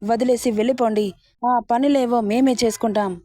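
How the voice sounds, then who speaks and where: A curt young husband snaps and scolds in short, sharp lines, as a woman narrator reads him in her own mellow voice. It is a romance storybook reading, close and dry. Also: on the high side, steady tone, a little fast, no echo, lightly acted. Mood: angry.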